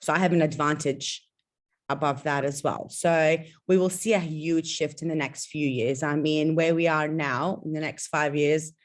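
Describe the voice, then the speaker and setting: Woman in her thirties, from Iraq, very low voice, emphatic, confident, video call. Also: steady tone, normal speed. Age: 30s. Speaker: guest participant. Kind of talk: online panel discussion.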